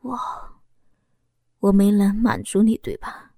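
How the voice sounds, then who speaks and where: A woman voicing a wounded, ashamed middle-aged husband in whispered role-play, speaking in a low, hushed, unvoiced whisper. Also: fairly even intonation, takes it slowly, no echo, clean studio sound.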